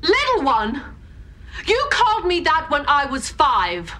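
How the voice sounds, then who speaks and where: An actress playing a composed adult daughter serving on a starship, speaking firmly and earnestly. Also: female voice, high voice, huge pitch swings, unhurried, bright, forceful tone, heavily acted. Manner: firm, earnest.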